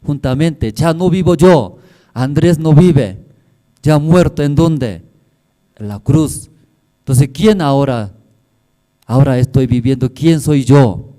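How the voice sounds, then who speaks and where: Slow dark-voiced pastor, broken simple phrasing, keeps asking the crowd right?. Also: male voice, on the high side. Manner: constant tag questions to the congregation. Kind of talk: sermon.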